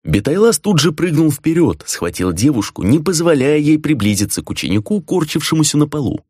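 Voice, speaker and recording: A man narrating a fantasy novel in an expressive, dramatic reading. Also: on the high side, fairly quick, husky, no room sound, clean studio sound. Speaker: audiobook narrator. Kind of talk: scripted narration.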